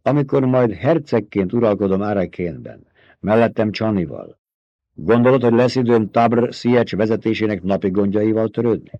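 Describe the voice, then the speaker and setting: A man reading the part of a stern, commanding young desert leader with a sharp, forceful way of questioning. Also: lowish voice, expressive, no room sound. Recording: dull, dry recording.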